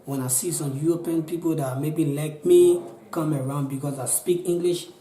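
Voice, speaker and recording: A fairly high, mellow, steady voice at normal speed belongs to a Liberian man in his 20s with a Liberian accent. Recounting his own story in an interview, he's earnest and pleading, repetitive, with many restarts. The room echoes and the recording is rough.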